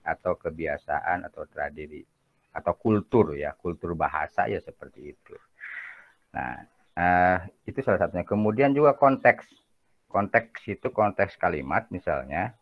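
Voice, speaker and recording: Sex: man. Style: chatty lecture, low, muffled. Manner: chatty, jokey, peppers talk with tag questions. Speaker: university lecturer. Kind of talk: casual classroom lecture.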